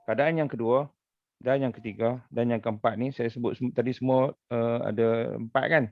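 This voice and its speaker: A man's voice: mid-range voice, fairly even intonation, normal speed, no echo, phone-quality sound. A man with a Malaysian accent teaching an Arabic grammar lesson as a religious teacher, patiently explaining with repeated examples.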